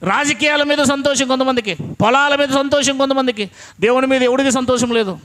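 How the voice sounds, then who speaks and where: A man's voice: very high voice, brisk, a bit bright, a little hiss or hum. A man preaching a sermon as a pastor, scolding his listeners and pressing them with repeated rhetorical questions. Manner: scolding, addresses listeners directly.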